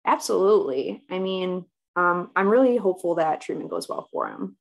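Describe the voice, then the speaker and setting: A woman with pronounced vocal fry and a slightly low pitch talks as a therapy client in a role-play. She is hesitant and self-doubting, feeling her way through her answers in a conversational style. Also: expressive, normal speed.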